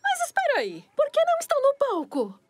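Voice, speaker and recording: A woman with a Brazilian accent voicing an excitable, bustling girl organiser in a cartoon, emphatic, commanding and theatrical. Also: extremely high pitch, fairly quick, very noisy, heavily acted. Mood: urgent. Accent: Brazilian Portuguese. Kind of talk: animated cartoon dubbing.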